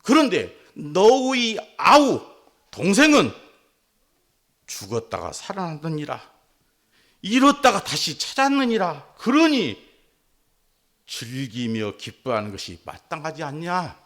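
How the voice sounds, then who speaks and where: A man's voice: fairly high pitch, sing-song, a bit bright, voice pushed up, full character voice. A preacher voicing a loving, pleading old father. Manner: slow, raised and earnest.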